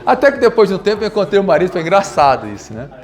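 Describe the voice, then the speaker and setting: A man in his forties giving a live classroom lecture, from Brazil, coaching students through exercises with lively repeated commands. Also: high-pitched, rapid-fire. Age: 40s. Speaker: physical education lecturer. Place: classroom with audience.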